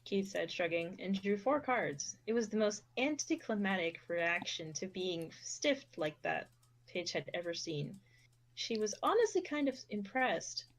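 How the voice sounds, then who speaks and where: A young woman narrating an amateur fan fiction reading with steady, expressive delivery. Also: medium pitch, a little slow. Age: young adult.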